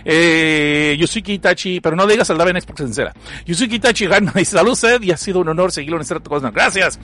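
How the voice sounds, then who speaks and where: A northern Mexican man hosts a livestream in a casual, joking way, reading chat messages aloud with plenty of slang. His voice sits fairly high for a man. A lingering cough stays with him throughout. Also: fairly quick, sharp tone. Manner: joking, slangy, laughs often. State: has a cough. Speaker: livestream host.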